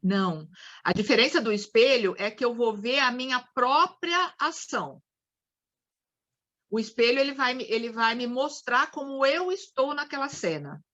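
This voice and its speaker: A woman's voice: on the high side, lively intonation, moderate pace, bright, forceful tone, dull audio. A Brazilian woman lecturing a study group on psychodrama, explaining with acted-out examples and frequent restarts. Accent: Brazilian Portuguese.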